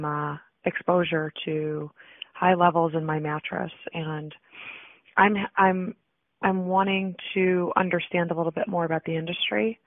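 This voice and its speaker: A woman's voice: fairly low pitch, dry recording. A woman leaving a polite, hesitant voicemail message, played back over a phone line. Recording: tinny dry phone line.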